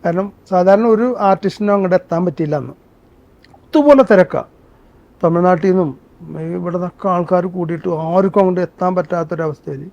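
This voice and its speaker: A man's voice: sits high, fairly even intonation, fast talker, darkish tone, no room sound. Earnest man telling stories. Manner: earnest storytelling, breaks into song. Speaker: interview guest, actor and singer. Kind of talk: conversational interview with sung excerpts. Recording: dull muffled sound.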